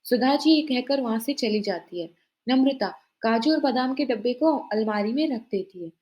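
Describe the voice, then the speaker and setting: Woman storyteller, scripted narration, fairly high voice, dull lo-fi audio. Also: expressive, moderate pace.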